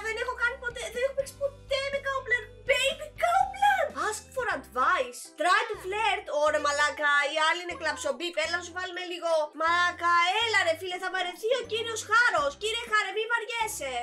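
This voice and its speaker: A young woman giving excitable, playful and foul-mouthed commentary while playing a video game. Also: very high voice. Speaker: gaming YouTuber. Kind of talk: casual gameplay commentary.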